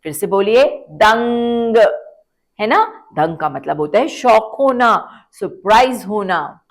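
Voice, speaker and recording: A woman's voice: mid-range voice, animated, unhurried. A woman teaching a phonics lesson to young children, stretching out words, repeating them and asking the children questions. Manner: asks the children questions, then answers. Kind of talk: slow, drawn-out phonics lesson for kids.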